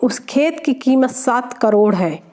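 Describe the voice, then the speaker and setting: High-pitched woman reading jokes aloud, slow and even, goes lower for the guys. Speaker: joke reader.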